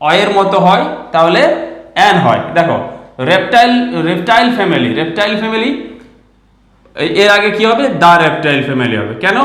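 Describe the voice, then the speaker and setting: A man with a Bengali accent teaching a grammar lesson, dictating example sentences slowly and asking the class questions. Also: sits high, a bit bright. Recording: echoey room.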